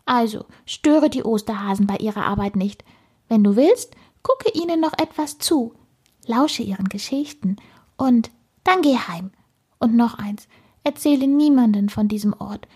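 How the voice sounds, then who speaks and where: A cheeky little male squirrel from a children's storybook, voiced by a woman reader. His piping, squeaky voice sits far above a normal speaking voice and carries a breathy edge. He teases and lectures in a bossy, know-it-all way. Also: animated, a little slow, mellow. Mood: explaining. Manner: teasing, lecturing. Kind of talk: storybook narration.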